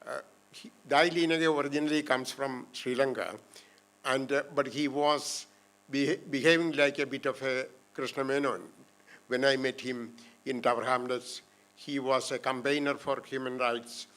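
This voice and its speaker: A man chairing a panel and introducing the speakers, halting with many fillers. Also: medium pitch, steady tone, a bit bright. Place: lecture hall.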